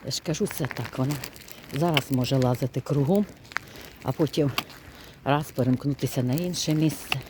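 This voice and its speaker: A woman's voice: rumbling low, moderate pace. Woman, casual vlog chatter, outdoors, noisy wind-blown phone audio. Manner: chatty, talks to viewers while walking. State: out of breath. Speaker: vlogger. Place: outdoors on a frozen lake.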